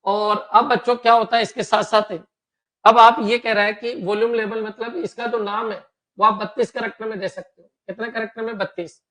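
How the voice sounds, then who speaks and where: A man's voice: high-pitched, little pitch movement, brisk, a bit bright. A man with a Rajasthani accent gives a classroom lecture. He explains step by step and keeps checking whether the students have understood. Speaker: teacher.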